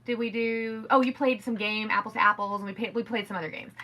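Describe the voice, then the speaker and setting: A middle-aged woman hosting a casual podcast from home, telling stories in a rambling, animated way. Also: medium pitch, fast. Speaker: podcast host. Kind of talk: casual chat.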